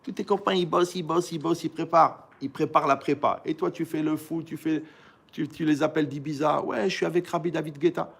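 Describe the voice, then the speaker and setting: Gravelly, animated rabbi teaching. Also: male voice, a little high, a little fast. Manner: colloquial, animated storytelling with rhetorical questions. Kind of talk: lively Torah lesson to young listeners.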